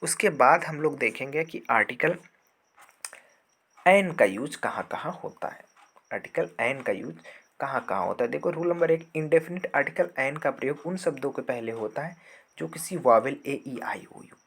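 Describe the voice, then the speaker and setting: A man's voice: medium pitch, animated, normal speed, gravelly, a bit bright, husky. A man teaches a grammar lesson to students. He explains patiently and repeats each word and sound aloud. He asks questions and answers them himself.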